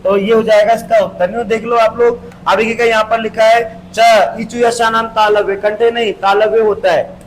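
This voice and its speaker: A male teacher giving an exam-prep grammar lesson, explaining step by step, repeating key terms and drawing sounds out slowly. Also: high voice, flat delivery, a little hiss or hum, low-quality recording.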